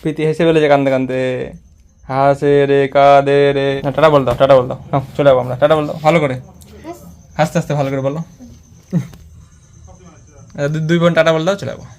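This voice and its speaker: A man's voice: medium pitch, flat delivery, brisk, pauses often, a little mellow. A man filming a casual home vlog, teasing and coaxing a child in a playful way, often repeating his words. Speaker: vlogger.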